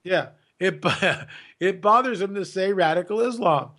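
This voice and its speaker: Emphatic man with a high voice. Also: animated, moderate pace, fairly bright tone. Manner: emphatic, repeats words, mimics others mockingly. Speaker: podcast guest. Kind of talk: opinionated podcast talk.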